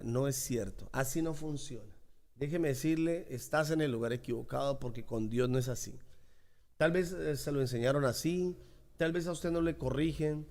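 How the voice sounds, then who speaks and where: A man's voice: mid-range voice, mellow. A man preaching a sermon as pastor, emphatic and repeating key phrases.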